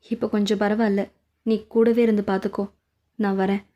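A woman voicing a commanding male master healer who speaks slowly and firmly in a low, authoritative voice, in a storybook-style drama reading. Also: level tone, dull audio, lightly acted. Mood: calm instructive.

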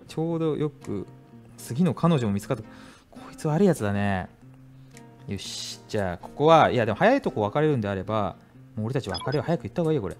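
A young man commentating a horror game, reading the text aloud and reacting with frequent high, loud panicked yelps. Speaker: virtual YouTuber streamer. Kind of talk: game let's play commentary.

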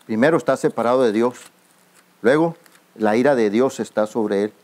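A man's voice: medium pitch, moderate pace, a little mellow. Fervent preacher man calling for responses. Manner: calls out to the congregation for responses; keeps addressing listeners as brother. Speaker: pastor. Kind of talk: youth camp sermon. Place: outdoor youth camp gathering.

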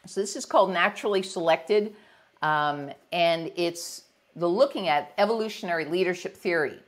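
A woman's voice: lowish voice, moderate pace. A middle-aged American woman, a leadership coach, speaking energetically in a conversational podcast interview. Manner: energetic, acts out examples in varied voices.

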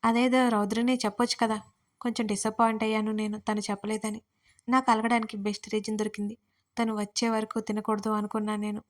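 A young woman narrating her own audio story in the first person, playful and lively. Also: medium pitch, fast. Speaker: writer and narrator.

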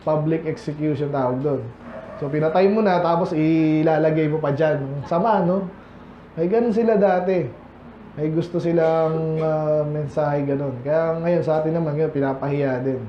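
Man, pastor, conversational sermon, quizzes listeners, slightly raised pitch, dull echoing church recording. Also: normal speed, a little hiss or hum. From Philippines. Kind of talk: Sunday afternoon sermon. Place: church hall.

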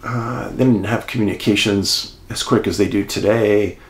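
A man hosting and telling a true-crime mystery story in an animated way, speaking straight to his listeners. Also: fairly low pitch, moderate pace, roomy sound. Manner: animated, addresses listeners as folks. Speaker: host and storyteller.

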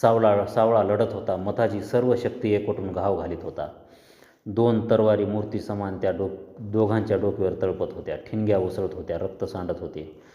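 A man reads a story aloud in a dramatic storytelling manner, his voice low and dark. The recording is dull and lo-fi, with a long hall reverb. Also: steady tone, moderate pace. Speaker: narrator. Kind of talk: audiobook story reading.

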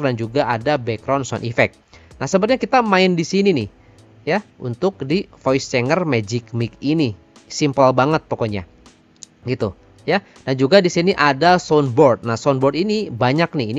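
A man in his thirties presents a casual software tutorial. He talks informally to viewers as friends at a medium pitch, close on a headset mic, with faint music underneath.

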